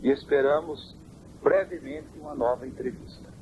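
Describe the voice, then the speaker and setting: A church elder on a hissy, worn old cassette tape, answering questions about doctrine with measured, scripture-quoting speech. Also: male voice, fairly high pitch. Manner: measured, quotes scripture in a preaching cadence. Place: family home.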